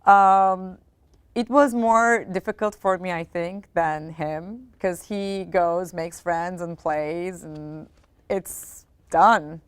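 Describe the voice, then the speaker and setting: A middle-aged woman hosts a relaxed chat, talking in a loose, easygoing way with many fillers and light laughs. The sound is dry and close, with no room echo. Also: lowish voice, takes it slowly, clear, resonant tone. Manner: chatty, full of fillers and soft laughs. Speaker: host. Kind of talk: casual chat.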